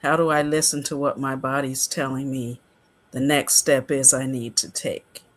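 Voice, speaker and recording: A man's voice: mid-range voice, level tone, moderate pace, fairly bright tone. A man in his sixties on a casual podcast, explaining ideas in a conversational way.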